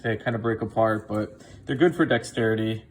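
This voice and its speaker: This young DIY car video host has a lowish, steady voice and talks fairly quickly, with slight background noise. He explains the repair step by step while working in his garage, casually and with many fillers.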